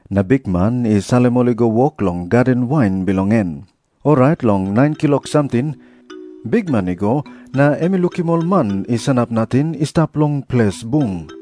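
A man with a Papua New Guinean accent giving an expressive scripted Bible reading. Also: medium pitch. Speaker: Bible reader voicing Jesus's parable.

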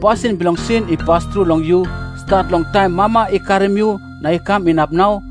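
Casting: male actor for scornful Pharisee, high voice, Papua New Guinean accent, scripture drama over prominent music. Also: a little fast, lightly acted. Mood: angry rebuke. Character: scornful, self-righteous male Pharisee berating a commoner.

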